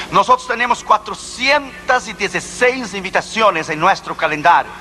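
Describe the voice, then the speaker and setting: A man's voice: sits high, sharp tone, a little hiss or hum. A man preaching a sermon as an evangelist, driving his points home with repeated rhetorical questions.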